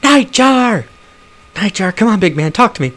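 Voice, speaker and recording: A man voicing a frantic, bossy young orc girl in a game, pushing his voice high and loud. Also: huge pitch swings, a little fast, heavily acted. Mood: panicked. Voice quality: high and shouting.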